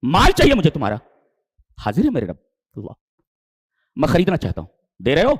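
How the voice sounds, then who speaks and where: Animated male preacher with dry sound. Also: slightly rough, no room sound. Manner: animated, rising to high emphatic peaks then dropping low, rhetorical questions. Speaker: Islamic preacher. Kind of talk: Urdu sermon with Quranic exegesis.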